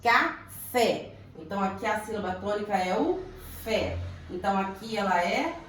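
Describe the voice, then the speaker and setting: Heard from afar in a highly reverberant room with faint background noise, a Brazilian woman gives young pupils a grammar lesson in her Brazilian Portuguese accent. Her voice is mid-range, and she talks slowly and deliberately, drawing words out syllable by syllable.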